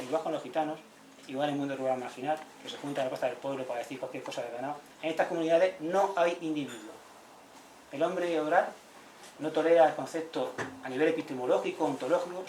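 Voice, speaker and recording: A man delivers a talk in a social centre hall, his somewhat high voice reaching the mic from across the room. The space adds a roomy echo and a faint hum of ambience. He tells anecdotes and jumps into the voices of the people he quotes. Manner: lively storyteller acting out quoted villagers. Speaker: speaker giving a talk. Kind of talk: public talk, anecdotal lecture. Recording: echoey room, voice from far off.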